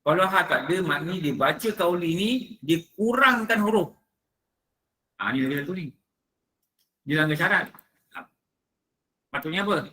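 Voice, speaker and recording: Male religious teacher, forceful bright delivery, drills and quizzes. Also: on the high side, lively intonation, moderate pace, long pauses. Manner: drilling, quizzing listeners with rhetorical questions; emphatic, repeats rules in short clipped phrases. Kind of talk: mosque lecture on prayer recitation. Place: prayer hall.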